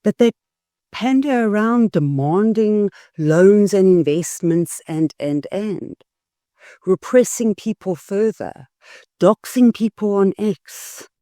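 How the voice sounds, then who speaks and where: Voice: mid-range voice, expressive, takes it slowly, warm tone, no echo, studio quality. A political YouTuber, giving emphatic, scathing commentary and leaning hard on key words. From South Africa. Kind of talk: opinionated political commentary vlog.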